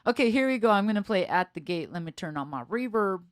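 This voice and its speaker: A woman's voice: mid-range voice, lively intonation, fast, no room sound, clean studio sound. A woman musician chatting casually with viewers on a live stream, thinking aloud, laughing often and joking at her own expense.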